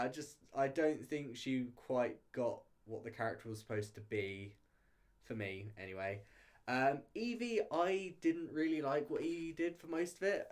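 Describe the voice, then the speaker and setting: A man with a mid-pitched, darkish voice reviews a reality show in casual, chatty commentary. He speaks loosely and hesitantly, hedging often and stopping to rephrase.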